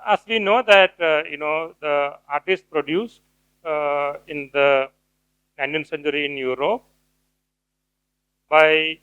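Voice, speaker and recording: A middle-aged man giving an academic lecture, pausing often with fillers and restarts. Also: on the high side, a bit bright, clear, resonant tone, no echo, muffled recording. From India. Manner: hesitant, many fillers and restarts. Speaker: guest speaker, cultural theorist.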